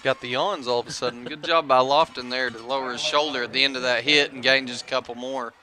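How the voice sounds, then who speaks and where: A man doing color commentary on a high school football game, relaxed and chatty, often tossing in "man". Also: fast talker, crowd noise.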